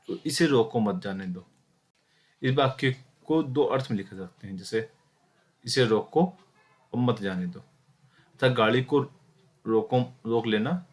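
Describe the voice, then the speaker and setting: A man's voice: medium pitch, a little hiss or hum. A man teaching an exam-prep Hindi grammar lesson, explaining step by step with many fillers and self-corrections, and speaking directly to his students. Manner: addresses students directly, repeating key points.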